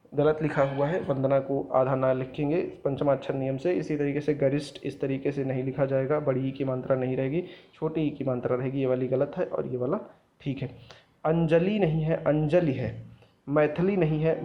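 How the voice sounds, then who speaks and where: Man teaching a spelling lesson, lo-fi. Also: mid-range voice. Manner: repetitive, explanatory, points at written words. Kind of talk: exam-prep spelling lesson. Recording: dull lo-fi sound.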